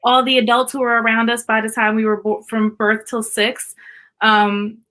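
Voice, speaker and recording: A woman with a bright, fairly high voice talks as an art therapist guest on a live stream. She explains things earnestly and comes back to her key points for emphasis. She speaks over a video call. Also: completely flat delivery, moderate pace. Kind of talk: casual interview chat.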